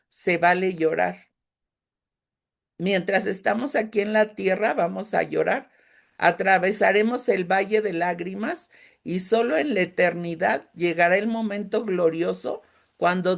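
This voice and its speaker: A middle-aged woman with a Mexican accent leading a faith-based grief workshop, speaking gently and emotionally and often checking in with her listeners. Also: on the low side, gravelly. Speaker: grief support group leader.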